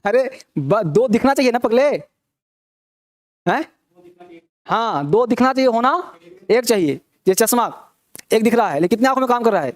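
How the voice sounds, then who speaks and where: A man's voice: very high voice, expressive, moderate pace, pauses often, no room sound. A man teaching an English grammar class, teasing and scolding his students as he quizzes them with rhetorical questions. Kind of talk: classroom lecture.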